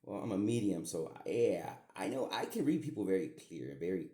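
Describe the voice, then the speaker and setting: A man's voice: deep voice, sing-song, normal speed, dark tone. A middle-aged man and podcast host, talking to his daughter in a meandering, repetitive way with some mild swearing. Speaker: podcast host, self-described medium. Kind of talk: rambling spoken message to his daughter. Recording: echoey room.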